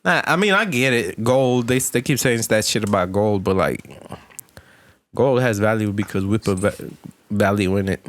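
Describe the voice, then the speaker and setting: Man, podcast co-host, low voice, dry close sound, loose rambling delivery with lots of "like" and "um". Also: normal speed, dry recording. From Texas. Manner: rambling, hesitant, trails off with fillers. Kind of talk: casual chat.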